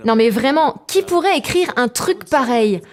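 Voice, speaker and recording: A woman giving a calm, measured personal testimony as a translated voice-over. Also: sits high. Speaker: testimony narrator.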